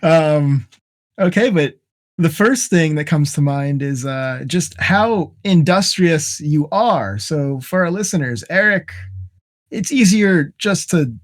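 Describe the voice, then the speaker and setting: A man's voice: a little high, lively intonation, slow. A man hosting a podcast in casual conversation, introducing a guest with jokes and frequent laughs. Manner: joking, laughs often. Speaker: podcast host. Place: home in Massachusetts.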